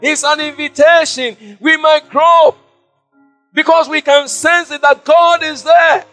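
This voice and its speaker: A man delivers a fiery sermon in a very high, bright voice. He shouts through much of his preaching, and soft music plays behind him. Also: fairly even intonation, slow. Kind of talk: impassioned sermon.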